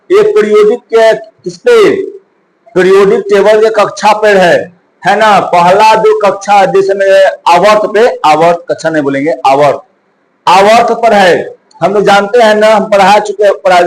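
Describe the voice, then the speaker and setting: A man's voice: high-pitched, rough recording. A male coaching teacher, giving a chemistry lesson, asking and answering his own questions and counting aloud.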